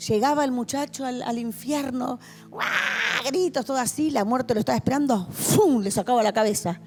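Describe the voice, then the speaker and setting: A woman's voice: high-pitched, moderate pace, a little mellow, soft background music. Passionate Rioplatense woman pastor preaching. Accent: Rioplatense Spanish. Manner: passionate, vivid storytelling. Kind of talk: testimony sermon to a youth meeting.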